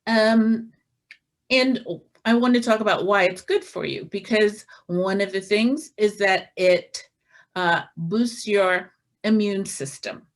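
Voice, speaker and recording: A woman giving an informal health talk, slowly listing foods one by one with frequent fillers and showing items from her pantry. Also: mid-range voice. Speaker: health presenter.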